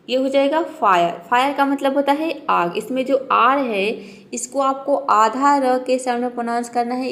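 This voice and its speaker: A woman teaching an English pronunciation lesson, patiently explaining step by step and talking directly to her viewers. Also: on the high side.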